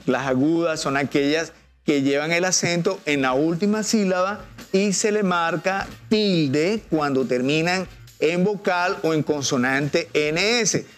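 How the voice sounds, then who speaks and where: A man's voice: on the high side, a little slow, faint music behind. A man with a Colombian Spanish accent, a teacher guest explaining in a patient, didactic way and drawing out example words. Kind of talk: explanatory TV interview.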